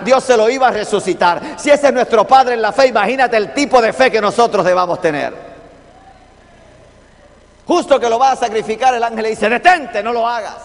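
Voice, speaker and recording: High-voiced preacher man in a church hall. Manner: builds to emphatic, loud preaching and drops to quiet, intimate appeals; calls on the congregation to repeat phrases. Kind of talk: sermon.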